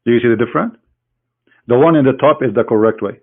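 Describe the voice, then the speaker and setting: A man's voice: mid-range voice, fast talker. Scornful man on tinny, phone-like audio. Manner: scornful, sarcastic, addressing an opponent directly. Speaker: religious critic presenting a screen demonstration. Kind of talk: mocking screen-share lecture.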